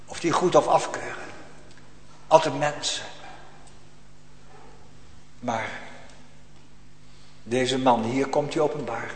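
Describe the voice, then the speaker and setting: A man preaching a sermon emphatically, repeating phrases and swinging from loud to hushed. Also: medium pitch, slow, pauses often. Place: church. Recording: echoey church hall with faint ambience.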